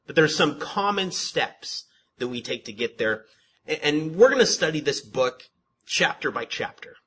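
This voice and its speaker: A man teaches a Bible study in a casual, sermon-like manner, his voice on the high side with a breathy edge and a measured pace. He asks rhetorical questions, goes over things again, restarts words, and calls himself monotone.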